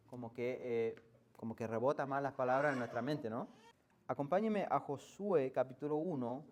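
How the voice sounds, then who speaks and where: A man's voice: mid-range voice, a little mellow, a little hiss or hum. A male pastor with an Argentine accent preaching a sermon in a conversational way, often asking the congregation rhetorical questions and restarting phrases as he explains. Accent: Argentine Spanish. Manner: hesitant restarts while explaining. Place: church.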